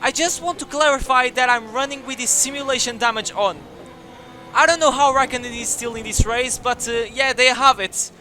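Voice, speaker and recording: A young man commentating his own racing game career with energetic, jokey delivery that bursts into shouts at crashes. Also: extremely high pitch, normal speed, faint music behind. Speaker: gaming YouTuber.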